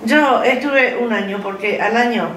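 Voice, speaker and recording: A woman's voice: on the high side, moderate pace, distant mic. An elderly woman from Spain tells stories casually, repeating herself and exclaiming as she goes. The mic is some way off in a roomy living room, with faint background noise. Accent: Spanish from Spain. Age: elderly, over 70. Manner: lively, repetitive, exclamatory. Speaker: interviewee recalling her past. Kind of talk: casual reminiscing, animated anecdotes with acted quotes. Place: living room at home, seated in armchair. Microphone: camera a few metres away.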